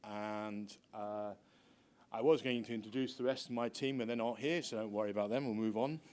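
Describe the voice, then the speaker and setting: A middle-aged man who is a university researcher, giving a conference presentation in an informal, hesitant, halting way. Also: lowish voice, fairly even intonation, a little mellow. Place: lecture room with seated audience.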